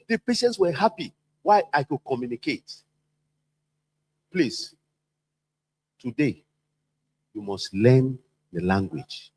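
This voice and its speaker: Man trainer, high-ish and very animated, repeats points and acts out quotes. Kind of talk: workplace training talk.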